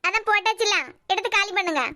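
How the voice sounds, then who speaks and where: A woman's voice: very high-pitched, fairly even intonation, fast. A woman with a Kanyakumari Tamil accent voicing a stubborn, sulky young heroine in a cartoon, snapping back defiantly. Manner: sharp, defiant retorts. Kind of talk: cartoon voice acting.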